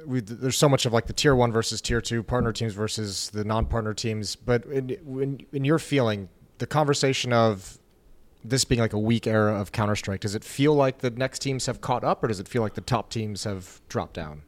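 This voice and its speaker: A man's voice: mid-range voice, moderate pace. A man co-hosting a podcast, talking casually and asking long, earnest questions. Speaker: podcast co-host. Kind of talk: casual chat.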